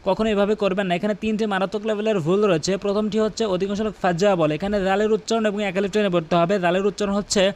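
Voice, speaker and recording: A man. He explains each rule quickly and repeats correct and incorrect pronunciations side by side. He then recites the verses slowly, drawing the sounds out. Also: high-pitched, steady tone, a little mellow. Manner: repeats right and wrong pronunciations for contrast. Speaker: Quran recitation teacher. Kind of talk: tajweed lesson with recited examples.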